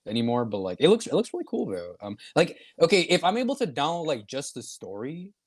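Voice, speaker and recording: A man chatting about video games on a podcast in an easygoing, joking way. His pitch moves around a lot and sits a little high for a man. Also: huge pitch swings, a little fast. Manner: laid-back, laughs often, says "bro". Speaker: podcast co-host. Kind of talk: casual gaming chat.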